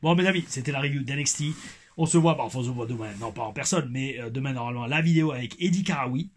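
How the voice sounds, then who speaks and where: A man's voice: medium pitch, fast talker, husky. A man hosting a casual wrestling review vlog, playful and crude, with a recurring "oh oui" catchphrase.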